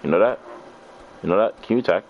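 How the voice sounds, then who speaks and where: A man's voice: on the low side, quick pace, creaky, dull audio, heavy background noise. A man commentating his live gameplay, trash-talking opponents in loose, profane slang. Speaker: game streamer.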